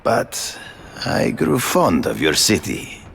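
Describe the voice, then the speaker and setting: A grandiose vigilante hunter for a game, super slow n gravelly, hammy theatrical swings in tone. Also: male voice, fairly low pitch, wildly swooping pitch, fairly bright tone, exaggerated voice. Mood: proud, measured. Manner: hammy, theatrical, stagey formal delivery. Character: theatrical big-game hunter Kraven, proud, grandiose, self-righteous vigilante.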